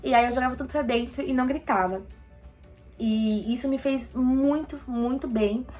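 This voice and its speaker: A young Brazilian woman casually telling a personal story, animated and acting out quoted lines. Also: sits high, normal speed, soft background music.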